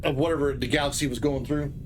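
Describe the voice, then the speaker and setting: A male game streamer talks at an ordinary, mid-range pitch. He gives loose, rambling explanations as he plays, full of "uh" and "you know.". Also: steady tone, quick pace, noisy background. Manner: casual, rambling explanations with many fillers. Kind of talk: live gameplay commentary.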